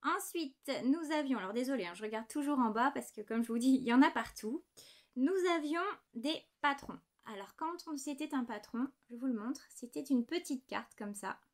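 A woman's voice: sits high, animated, normal speed. Chatty woman showing knitting supplies. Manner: chatty, apologetic, fond of small details. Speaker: knitting podcast host. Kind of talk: casual show-and-tell chat. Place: home desk, indoors.

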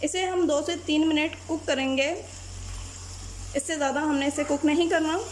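A woman calmly explaining a recipe step by step as a cooking channel host. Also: high-pitched, normal speed, a little hiss or hum. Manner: calm, plain, methodical. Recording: loud frying sizzle behind voice.

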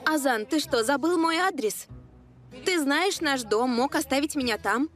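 A young woman with a high voice, defensive and anxious in the manner of dubbed TV drama. Music plays softly behind her. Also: expressive, measured pace. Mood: indignant. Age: young adult.

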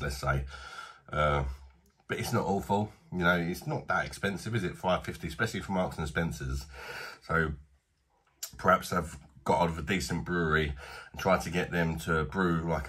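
With a low, husky voice and a sharp tone, a British man in his thirties chats about a beer he's reviewing in a small home bar. He's blunt and casual, with a self-deprecating streak.

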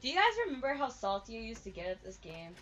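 A woman's voice: on the high side, very animated, fast talker, dull audio, noisy background. Jumpy, cursing young woman streamer. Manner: jumpy, swearing, yelling at the screen. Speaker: game streamer. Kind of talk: live gameplay commentary.

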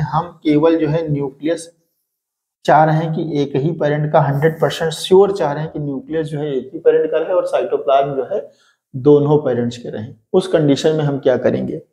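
A man teaching an exam-prep lesson in a mellow, relaxed voice. His pitch sits a touch high. He keeps asking rhetorical questions and answering them himself. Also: fairly quick. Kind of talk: explaining a lesson.

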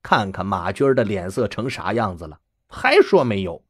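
A man voicing a stern, blunt old grandmother, speaking slowly and pressing with questions. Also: fairly low pitch, big pitch swings, fairly bright tone, husky, no room sound, studio quality, heavily acted. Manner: slow, measured, pressing questions.

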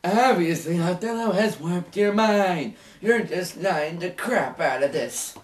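A man's voice: high-pitched, slow. A guy playing a blustering hotheaded senator. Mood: scornful. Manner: shouts angrily. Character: blustering senator father, short-tempered. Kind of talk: amateur comedy skit acting. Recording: echoey room, mic far off.

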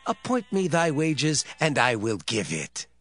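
Slow, swooping, coaxing biblical patriarch. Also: male voice, medium pitch, huge pitch swings, fairly bright tone, no room sound, full character voice. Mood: bargaining. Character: Laban, entreating wealthy patriarch herd owner.

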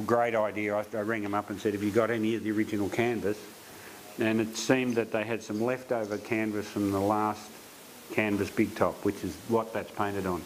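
Low-voiced painter telling stories. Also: male voice, slight background noise, poor audio. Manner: animated anecdotes, acts out quoted voices. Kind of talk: storytelling interview.

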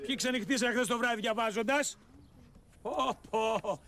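A man playing a bossy, teasing male high school gym teacher who barks orders at his class. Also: a bit bright.

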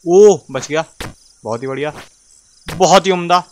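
Excitable male gamer with higher pitch. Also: a little slow, a little hiss or hum. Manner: excitable, swinging between loud cheering and low muttering; talks straight to viewers. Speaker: gaming video host. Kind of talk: casual let's-play commentary.

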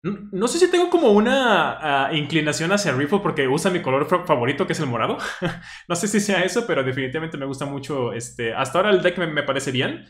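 A man who stutters now and then, explaining a study deck in a relaxed, thinking-aloud way. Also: a little high, a little fast. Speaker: language teacher reviewing a study deck. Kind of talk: casual explanatory commentary. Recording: roomy echo.

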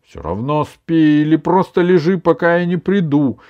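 A man voicing a fussy, bossy old grandmother who cries easily, speaking in a high, loud, indignant scolding tone. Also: lively intonation, moderate pace, muffled recording, natural voice.

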